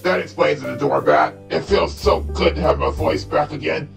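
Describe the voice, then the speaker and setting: Brief: woman voice actress, relaxed slow chat, gravelly edge, roomy echo with faint music behind. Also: low voice, far from the mic. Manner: slow, chatty, laughing often. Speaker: voice actress reacting to a fan-made premiere. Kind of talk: casual vlog reaction.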